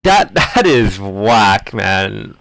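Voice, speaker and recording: A man's voice: lowish voice, very animated, very slow, creaky, a bit bright, no echo, rough recording. A man co-commentating a fighting-game tournament in a laid-back, slangy way. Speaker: esports commentator. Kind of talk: casual co-commentary.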